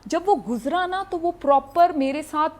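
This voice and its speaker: A woman athlete, a guest on a talk show, tells an anecdote in a lively, animated way. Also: high-pitched. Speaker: martial arts athlete guest. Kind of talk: casual interview storytelling.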